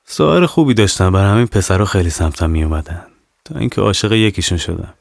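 A man's voice: sits low, animated, creaky, no echo, full character voice. A man voicing a lonely, cynical young woman in an audio horror story, with a dry, teasing, matter-of-fact manner. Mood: flat.

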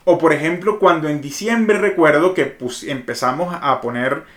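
A Venezuelan man co-hosting a podcast, talking in a reflective, emotional way that often trails off softly. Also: a little high, moderate pace, echoey room. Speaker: podcast co-host. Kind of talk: casual conversation.

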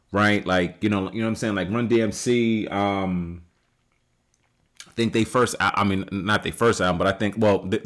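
A man in his late thirties hosting a solo podcast, talking casually and rambling with many fillers and restarts, rising loud and high when he makes a point. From United States. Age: 30s. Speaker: podcast host.

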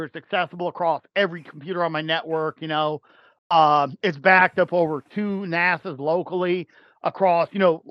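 High-voiced man chatting with many fillers. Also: dry recording, lo-fi sound. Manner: rambling, many fillers and restarts, laughs easily. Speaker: podcast guest, game developer. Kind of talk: casual chat.

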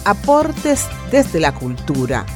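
Slow lilting woman over music. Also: low voice, big pitch swings. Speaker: announcer. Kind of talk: program intro voice-over.

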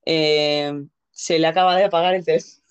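A woman's voice: low-pitched, fairly even intonation, brisk, clear, resonant tone. A woman with a Castilian Spanish accent hosting a casual live show, chatty, playful and given to exclamations. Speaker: host. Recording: dull, lo-fi audio.

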